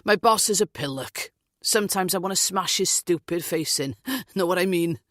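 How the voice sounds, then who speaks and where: Woman doing a gruff Welsh joker. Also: on the low side, moderate pace, no room sound, studio quality, natural voice. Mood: grumbling. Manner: blunt, jokey, grumbling. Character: gruff middle-aged Welsh man, blunt joker.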